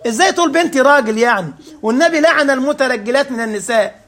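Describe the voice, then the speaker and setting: A man's voice: very high voice, very fast, a bit bright. A man with an Egyptian Arabic accent preaching, interpreting verses with rhetorical questions and joking asides. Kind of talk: sermon with Quran recitation.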